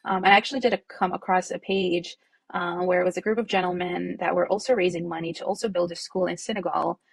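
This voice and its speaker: A woman from Jordan speaking in an interview with a low, husky voice and a gravelly edge. She talks reflectively, with fillers and quiet laughs. The recording is dry and close. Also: fairly even intonation, fast. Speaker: nonprofit co-founder, guest. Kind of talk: conversational interview.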